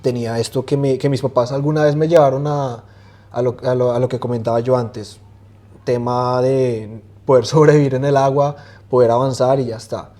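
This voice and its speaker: Guy, 20s, mellow tone, easygoing interview guest with lots of "em"s. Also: mid-range voice, normal speed. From Colombia. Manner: relaxed, hesitant, many fillers and restarts. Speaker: guest swimmer. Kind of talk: casual interview chat.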